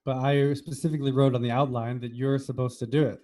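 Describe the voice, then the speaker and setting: An American man co-hosts a podcast, chatting casually in a soft, mellow voice that stays relaxed and unforced. His pitch is medium and his pace quick, and he has a wry streak and likes to tease.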